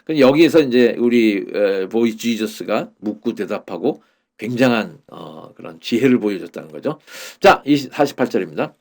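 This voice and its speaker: A man teaching a Korean-language lesson on English Bible verses. He explains slowly, repeats the English phrases and uses many fillers. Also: on the low side, animated, a little mellow.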